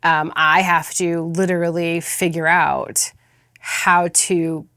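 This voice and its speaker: A woman in her fifties hosting a podcast, speaking candidly and excitably, with casual swearing. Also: on the low side, slow, clear, resonant tone, no room sound, studio quality. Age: 50s. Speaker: podcast host. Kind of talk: conversational interview.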